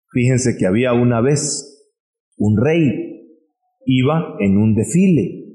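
A man preaching a folksy sermon, telling stories and acting out the voices, recorded in an echoey hall. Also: mid-range voice. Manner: animated, folksy, acts out voices. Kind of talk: sermon with storytelling. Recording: echoey hall with long reverb.

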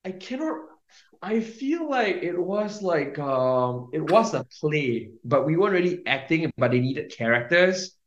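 A man's voice: on the high side, very animated, a little slow. Rambling man in a roomy room. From Singapore. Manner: rambling, many fillers and restarts, laughs often. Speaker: guest. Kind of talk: casual testimony. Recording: roomy, dull lo-fi sound.

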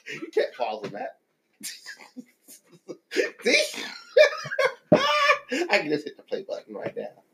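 Loud, laughing man with a lively voice. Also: very high-pitched, very slow, gravelly, pauses often, low-quality recording. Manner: loud laughing, teasing, crude jokes. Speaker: podcast guest. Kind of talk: casual podcast chat.

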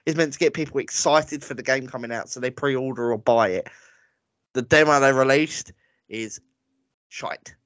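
A man hosts a casual gaming podcast in a mid-range, slightly bright voice at a moderate pace, coming across blunt and dismissive with occasional laughter. The sound is dry with no room echo, dull and a bit lo-fi.

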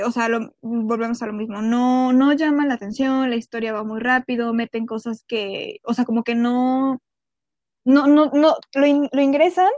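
A woman's voice: sits high, a little mellow, no echo. Woman co-host, blunt reviewer, dry sound. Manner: frank, critical. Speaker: podcast co-host. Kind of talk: casual review chat.

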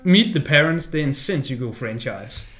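A lively man with a somewhat high voice talks movies in a casual podcast chat, cursing often and slipping into quoted voices to replay scenes. The sound carries a roomy echo around him. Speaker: podcast co-host. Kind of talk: casual film discussion.

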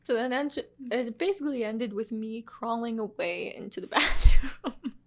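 A woman's voice: fairly high pitch, moderate pace. Giggly young woman podcast co-host. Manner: giggly, swears casually. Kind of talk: casual chat.

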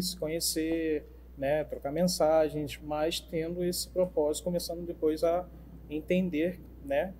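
A man calmly explaining how he and his partner got to know each other, in a casual interview chat. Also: a little high, a little hiss or hum. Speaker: guest, the partner in the story. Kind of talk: casual conversation.

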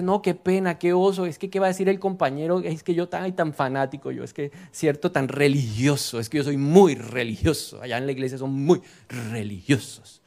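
A middle-aged man, preaching a lively sermon full of rhetorical questions. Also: medium pitch. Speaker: pastor.

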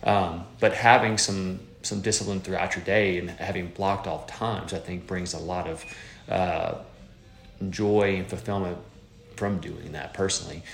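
A man's voice: deep voice, steady tone, unhurried, creaky, reverberant, slight background noise. A man in his thirties hosting a podcast, rambling casually with lots of fillers and restarts. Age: 30s. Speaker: podcast host.

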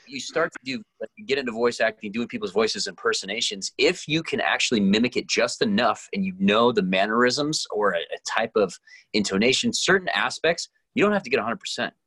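A man's voice: fairly low pitch, fairly quick, pushed and bright, husky, no echo. A man co-hosting a casual podcast, talking in loose, rambling stretches. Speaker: podcast co-host. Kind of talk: casual chat.

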